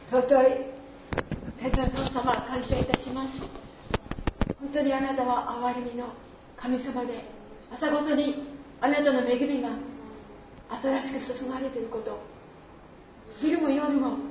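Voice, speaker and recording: High-voiced woman praying from afar. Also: a little mellow, slight background noise. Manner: slow, reverent, halting phrases. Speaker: prayer leader. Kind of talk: spoken congregational prayer. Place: church worship hall. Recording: distant, very echoey church hall.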